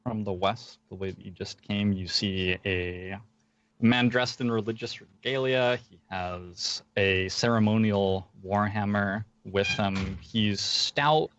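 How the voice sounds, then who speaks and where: A man narrating as game master of a tabletop game, talking with many fillers and slowing down for descriptions. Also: fairly low pitch, a bit bright, lo-fi sound. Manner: hesitant, filler-heavy narration with slowed descriptive passages.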